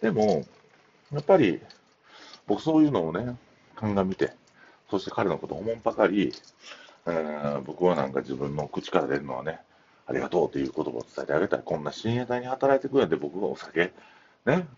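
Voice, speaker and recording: A man's voice: sits low, lively intonation, a little fast, a little mellow, slightly rough, highs cut off. A middle-aged man with a Kansai accent, hosting a casual solo talk show and telling stories in a chatty, meandering way. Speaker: podcast host.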